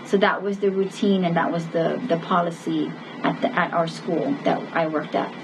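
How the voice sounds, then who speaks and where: A woman's voice: lowish voice, fairly even intonation, moderate pace, vocal fry, background noise. A woman teaching a parenting webinar, telling personal stories in an earnest way and acting out the dialogue. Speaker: parenting educator.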